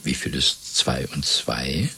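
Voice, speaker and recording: A male actor in a 1970s German radio play plays a cold, fanatical Party interrogator and torturer, using a full bass character voice that is gravelly and often drops to a whisper. He sounds insistent, deliberate and patronising, swinging between soft and commanding.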